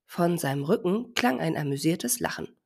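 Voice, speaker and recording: Storybook narrator: a woman with a deep, creaky voice, gentle and expressive. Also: moderate pace. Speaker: podcast reader. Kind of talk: storybook reading.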